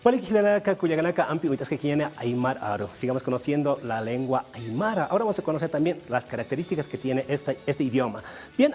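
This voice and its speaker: Lively man teaching aymara. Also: on the high side. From Bolivia. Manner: lively, addresses viewers as brothers, explanatory. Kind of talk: televised language lesson.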